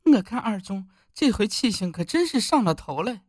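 A man's voice: sits high, sing-song, normal speed, a little mellow, no room sound, studio quality, voice pushed up. A man doing a fretful old village woman. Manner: fretful, near tears. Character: anxious older village woman.

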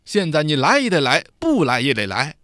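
A storyteller doing a loud bullying ex-convict. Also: male voice, a little high, sing-song, measured pace, dry recording, clean studio sound. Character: menacing domineering man just out of prison.

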